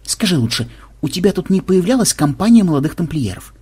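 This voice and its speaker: Sullen, cold vampire in a fantasy audiobook, read by a man; curt, sarcastic, husky. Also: high-pitched, big pitch swings, brisk, mellow, voice pushed up, heavily acted.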